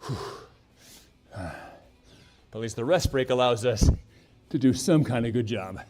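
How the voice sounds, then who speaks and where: A man's voice: mid-range voice, expressive, slow, darkish tone. Man coaching a workout, puffing between moves. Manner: breathy exhales between exercises, chatty coaching. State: out of breath. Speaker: fitness trainer. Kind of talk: workout instruction.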